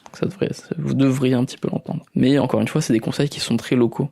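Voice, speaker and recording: French guy chatting about voice tips, gravelly and warm, lots of euh and restarts. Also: medium pitch, steady tone, fast talker. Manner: explanatory, demonstrates vocal techniques, frequent fillers and restarts. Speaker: podcast host. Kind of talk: casual voice coaching talk.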